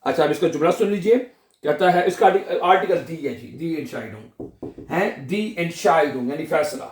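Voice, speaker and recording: A male language teacher giving a slow classroom lesson, drilling each word and phrase over and over and asking his viewers questions before he answers them. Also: fairly high pitch, lively intonation, reverberant. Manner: drills words slowly, repeating each phrase.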